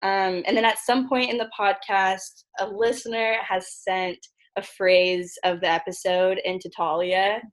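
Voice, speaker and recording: A young woman hosts a relaxed podcast chat with a gravelly vocal fry. She laughs easily and talks in a loose way, full of fillers. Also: medium pitch, measured pace, few pauses. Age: young adult. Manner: giggly, chatty with many fillers. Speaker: podcast host.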